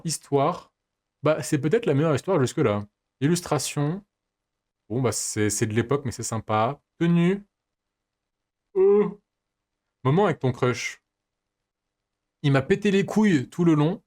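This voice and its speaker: A man's voice: medium pitch, expressive, normal speed, long pauses, a little mellow. A man streaming himself playing a game, commenting in a playful, joking way and laughing often. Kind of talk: let's play commentary.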